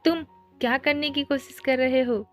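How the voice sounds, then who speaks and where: A flustered, prickly teenage girl from a romance storybook, put on by a woman narrator. She answers teasing with quick, indignant, embarrassed retorts in a slightly high voice. Soft music sits under her lines. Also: fairly even intonation, lightly acted.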